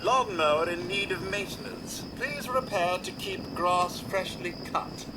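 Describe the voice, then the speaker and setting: An actor playing a sarcastic robot lawnmower servant in a video game, speaking in a too-smooth synthetic android voice with formal politeness and grudging asides. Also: male voice, high-pitched, measured pace, background noise. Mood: servile, sarcastic. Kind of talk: video game character dialogue.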